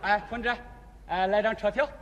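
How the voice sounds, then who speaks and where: A man's voice: high voice, steady tone, moderate pace, fairly bright tone, some chatter behind. A man performing stage crosstalk, playing a fussy passenger who keeps exclaiming and complaining. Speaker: crosstalk comedian. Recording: stage recording with long hall reverb and audible noise.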